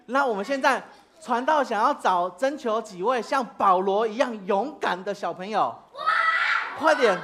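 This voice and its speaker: A woman's voice: a little high, very noisy. A woman, a preacher leading children in a playful church game, calling out commands and laughing often. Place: church sanctuary.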